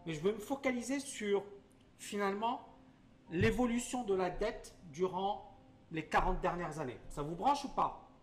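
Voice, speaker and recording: Speaking at a normal speed in a high-pitched voice, this man hosts a live teaching stream as an investment educator. He questions his viewers and keeps his explanations simple.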